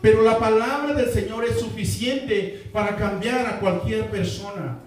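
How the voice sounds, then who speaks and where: In a church sanctuary, a male pastor with a high-pitched voice preaches a sermon at an unhurried pace and a steady tone. He repeats his key lines and calls on the congregation to answer, his voice coming from far off the mic in an echoey hall.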